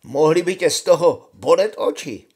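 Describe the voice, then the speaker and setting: An older man voicing a bold, cheeky young soldier in a read-aloud fairy tale, brash and lively. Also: medium pitch, husky.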